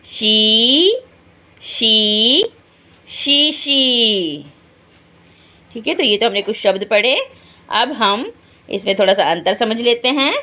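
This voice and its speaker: A woman's voice: fairly high pitch, animated, takes it slowly, long pauses, sharp tone. A woman teaching young children to read, sounding out each letter and vowel sign and then repeating the whole word. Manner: addresses the children directly and checks understanding. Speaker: primary school Hindi teacher. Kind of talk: slow syllable-by-syllable reading lesson for children.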